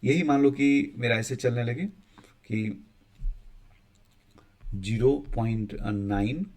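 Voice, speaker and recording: A man's voice: medium pitch, a little mellow. A man teaching a maths lesson in a casual, explaining manner, often checking in with students and sometimes restarting his sentences. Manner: casual explaining, frequent "ठीक है" check-ins, halting restarts.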